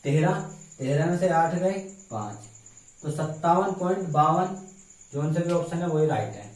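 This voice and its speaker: A man's voice: fairly high pitch, animated, normal speed, darkish tone. A man teaching exam-prep math step by step, often checking in with his students. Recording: echoey room, mic far off.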